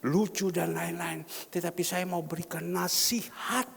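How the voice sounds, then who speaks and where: A middle-aged male pastor preaches in a big church. His voice sits a touch high, and he lurches from shouted lines to near whispers. A long reverb trails every phrase. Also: a little slow, gravelly, a little hiss or hum. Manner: animated, swinging from shouts to hushed whispers. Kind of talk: sermon. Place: large church hall.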